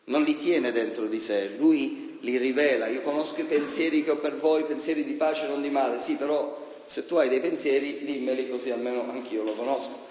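A man preaching a sermon, dramatic, swinging between soft and loud delivery. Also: mid-range voice, fairly even intonation, moderate pace, slight background noise. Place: church hall. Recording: echoey church hall with long reverb.

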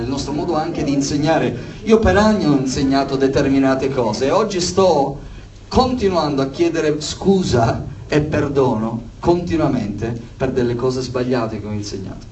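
A man preaching a sermon, animated, acting out the voices of the figures he tells of. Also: fairly high pitch, recorded from a distance, a little hiss or hum, poor audio.

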